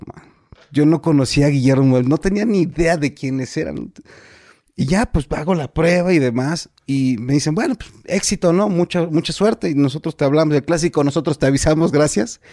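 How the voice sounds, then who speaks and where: A man in his forties with a Mexican accent, an actor telling stories in a relaxed interview, full of fillers and repeats. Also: mid-range voice, no room sound, studio quality. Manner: colloquial, many fillers and repeats. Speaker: actor guest. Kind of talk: casual interview storytelling.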